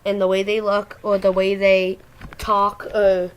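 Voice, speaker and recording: A woman's voice: mid-range voice, monotone, a little slow, slight background noise. A teenage girl speaks in a mid-range voice with a speech impediment, so her r's come out as w's. She talks candidly and casually, as in a personal vlog, rambling along with some slang. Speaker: video blogger. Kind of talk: casual personal talk to camera.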